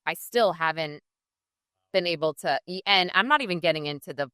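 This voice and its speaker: Female guest reporter, earnest storyteller with frequent restarts, bright and crisp, lowish pitch for a woman. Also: brisk, no echo. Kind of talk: live podcast storytelling. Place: pizzeria before live audience.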